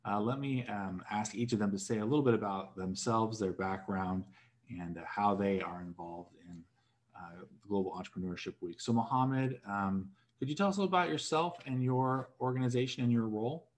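A man moderating a recorded online panel, measured and with frequent fillers, over a video call. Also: on the low side. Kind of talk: webinar moderation.

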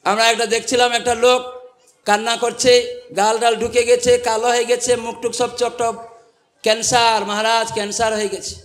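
A monk preaching a devotional sermon to a live audience, asking it rhetorical questions and quoting scripture. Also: male voice, very high voice, little pitch movement, normal speed, a bit bright.

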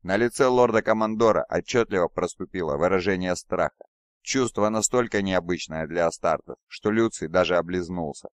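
A man reading an audiobook in steady, dramatic scripted narration. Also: sits low, moderate pace, clean tone, no room sound.

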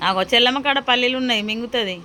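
Bright-voiced Telangana mother coaxing her kids. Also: a little high, racing, slight background noise. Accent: Telangana Telugu. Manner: coaxing, questioning children, then quiet cooking narration. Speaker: mother and vlog host. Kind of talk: casual family vlog chat. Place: home kitchen.

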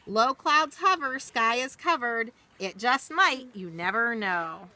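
Outdoors in a snowy backyard, a middle-aged woman acts as storyteller, reading a rhyming picture book aloud to children and adding casual asides. Her voice is on the high side, slow, pushed and bright, with lively intonation. A camera or phone a short distance away captures it as outdoor video with faint background noise.

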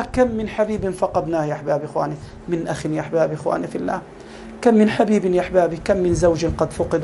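Preaching fast and fervently, this Egyptian man has a high voice with a darkish tone and an Egyptian Arabic accent. Again and again he calls out to his audience as his beloved brothers, over a faint hiss of noise.

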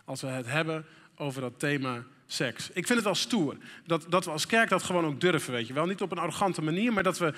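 A man's voice: on the high side, animated, brisk, pushed and bright. A middle-aged man preaching a sermon in a church, candid and conversational, with frequent fillers. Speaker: pastor. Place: church hall. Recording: reverberant church hall.

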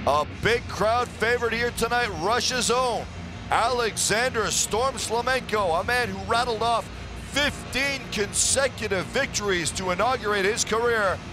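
A man calling televised fight play-by-play in an emphatic, polished, dramatic way. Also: very high voice. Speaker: play-by-play commentator.

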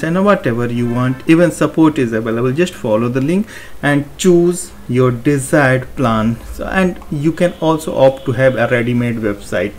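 Man, tutorial narration, step-by-step, mid-pitched, faint background hiss. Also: darkish tone. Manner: explanatory, step-by-step, repetitive phrasing. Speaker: WordPress tutorial presenter. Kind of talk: screen-recorded tutorial walkthrough.

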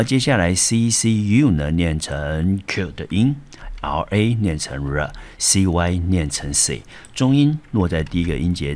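Male English teacher, Taiwanese Mandarin accent, very low voice, patient step-by-step explaining. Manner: explanatory, repeats words, frequent "好" and "呢". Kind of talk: vocabulary lesson.

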